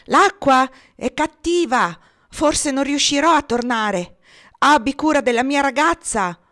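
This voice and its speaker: A woman reading a story aloud, voicing a grown man who shouts urgent words over crashing waves. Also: sits high, unhurried, pitched above the performer's own voice.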